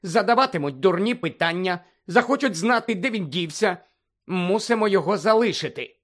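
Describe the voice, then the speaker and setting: A man voicing a sharp, nervous middle-aged aunt who talks briskly and tartly in an audiobook. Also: high voice, gravelly, pitched above the performer's own voice. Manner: brisk and sharp, at times trembling. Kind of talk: audiobook character voice.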